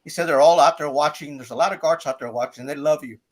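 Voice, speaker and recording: A man hosting a podcast, asking casual questions with many pauses and filler words. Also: on the high side. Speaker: podcast host.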